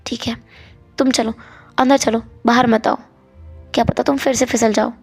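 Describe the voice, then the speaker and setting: A woman's voice: on the high side, fairly even intonation, normal speed, creaky, a little mellow, slightly rough, faint music behind. A woman voicing a fussy, caring young man who frets and apologizes in a story retelling. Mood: anxious. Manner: anxious, apologetic, fussing.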